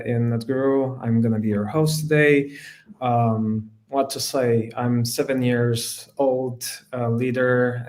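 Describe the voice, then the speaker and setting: Male host, online panel moderator, relaxed and halting. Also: medium pitch. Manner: relaxed, hesitant with many fillers. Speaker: host, design manager.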